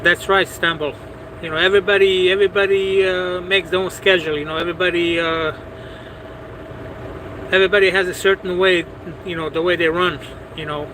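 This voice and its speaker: A truck driver from Bosnia hosts a casual livestream from his parked cab, answering viewers in a rambling way, doubling back and stacking "you know"s. He talks briskly with little pitch movement, his voice a little high for a man, over a clear hum of air conditioning and passing vehicles.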